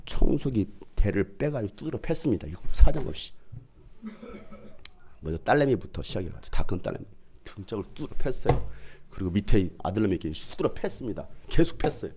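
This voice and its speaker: A middle-aged man preaching a sermon as pastor, swinging from loud proclaiming to hushed storytelling. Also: fairly low pitch, big pitch swings, a little fast, background noise.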